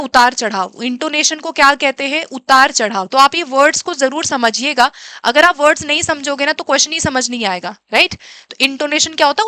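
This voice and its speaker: A woman teacher giving an exam-prep lesson, who asks questions and answers them herself and reads English questions out slowly. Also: high-pitched, bright, forceful tone, no echo. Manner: switches between Hindi and English terms, reads English questions slowly.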